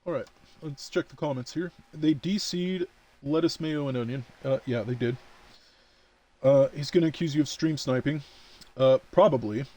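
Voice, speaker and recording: A tired man livestreams a game, yawning while he chats with viewers and trash-talks playfully with boastful commentary. His voice is a little high and dark-toned, at normal speed.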